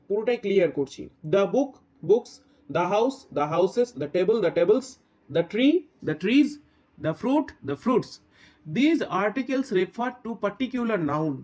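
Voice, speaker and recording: A man teaching a grammar lesson, explaining step by step, reading examples out slowly and often asking his students whether it is clear. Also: sits high, darkish tone. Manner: explains step by step, checks in with "right?"; reads English examples slowly.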